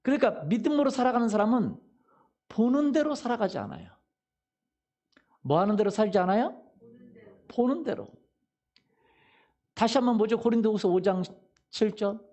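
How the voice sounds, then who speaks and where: A man's voice: sits high, sing-song, normal speed, pauses often, a little mellow. A male pastor giving a Sunday sermon, quizzing the congregation with fill-in questions and repeating "hallelujah" and "right?". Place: church sanctuary.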